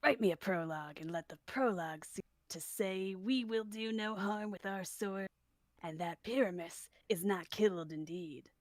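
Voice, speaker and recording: A woman voicing a boastful male weaver with a lowered, blustering delivery. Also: moderate pace, no echo, natural voice.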